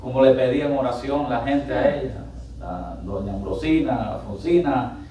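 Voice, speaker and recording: A male pastor preaching a sermon, animated and building up to loud exclamations, recorded in a church sanctuary. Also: medium pitch, moderate pace, distant mic, a little hiss or hum. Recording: echoey church hall miked from afar.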